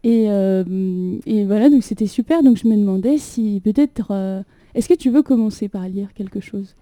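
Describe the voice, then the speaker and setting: A young woman, the poet hosting the reading, chats casually and reads poetry, laughing often and using lots of fillers. Her mellow voice sits at medium pitch and moves at a moderate pace. The dry recording comes from a phone propped on a water carafe in a small room.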